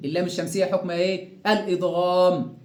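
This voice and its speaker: A man with an Egyptian accent teaching Quran recitation rules, asking questions and answering them himself, and drawing out each example word slowly. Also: high-pitched, steady tone, a little mellow, reverberant. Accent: Egyptian Arabic. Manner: asks and answers his own questions, stretches example words slowly. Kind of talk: tajweed lesson.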